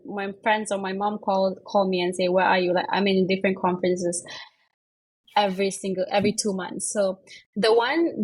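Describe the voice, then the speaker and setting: A young woman from Malaysia, chatting as an interview guest, full of fillers and quick self-corrections. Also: medium pitch, a little mellow, husky, rough recording. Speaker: guest, investment manager. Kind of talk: casual interview chat.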